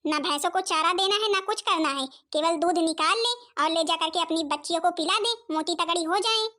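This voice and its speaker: Cartoon saas, bossy and nagging, very high voice. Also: female voice, fairly quick, pushed and bright. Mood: scolding. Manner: nagging, scolding. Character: scolding, stingy older mother-in-law who favours grandson. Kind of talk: cartoon comedy voice acting.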